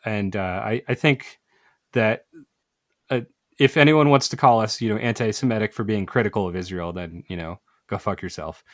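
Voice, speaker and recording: Low-pitched guy hosting a podcast chat, stops and restarts a lot, pretty dry sound. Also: no room sound. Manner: halting, with many fillers and restarts. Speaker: podcast host. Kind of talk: casual podcast conversation.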